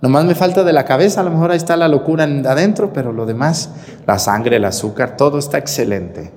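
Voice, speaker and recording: A man's voice: a little high, quick pace, a little mellow. A man with a Mexican Spanish accent who preaches as a priest at mass, speaking to his listeners in a folksy, emphatic way. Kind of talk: sermon during live-streamed mass. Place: church. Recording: reverberant church.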